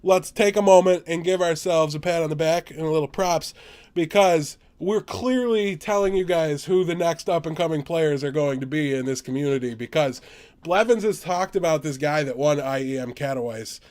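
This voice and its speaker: Chatty, excitable American man. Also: on the high side. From United States. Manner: chatty, excitable, quick to laugh. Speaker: podcast co-host. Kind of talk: casual gaming podcast chat.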